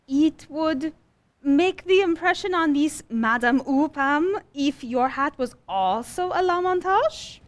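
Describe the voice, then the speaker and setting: A woman's voice: high-pitched, lively intonation, takes it slowly. An actress playing a gracious French lady hatmaker with a French accent and ornate manner in a radio comedy. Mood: flattered, coy. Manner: ornate phrasing with French words. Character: charming French lady milliner, gracious, theatrical, wistful. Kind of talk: old-fashioned radio comedy acting.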